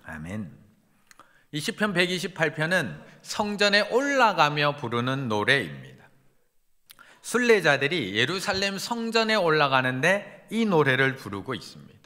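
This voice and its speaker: A man's voice: a little high, pushed and bright. A man preaching a Sunday sermon as pastor, earnest, building emphasis as he goes. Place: church sanctuary. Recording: reverberant church sanctuary.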